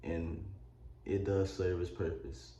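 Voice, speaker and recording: A man's voice: sits low, flat delivery, slow pace, warm tone, roomy sound, slight background noise. A man with a Mississippi accent reviewing an album in a rambling, joking way with crude asides. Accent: Mississippi Southern US. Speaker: music reviewer. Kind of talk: comedic album review vlog.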